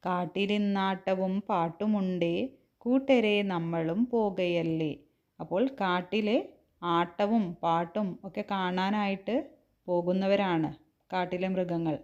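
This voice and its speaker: A woman teacher explaining a textbook lesson to young children, gently asking questions and answering them herself. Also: medium pitch, dull audio.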